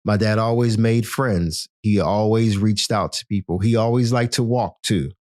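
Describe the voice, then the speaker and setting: A man's voice: fairly low pitch, moderate pace, a little mellow, dry recording, studio quality. A man hosting a health podcast, talking to the listener in an encouraging, motivational way and often calling them "my friend". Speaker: podcast host.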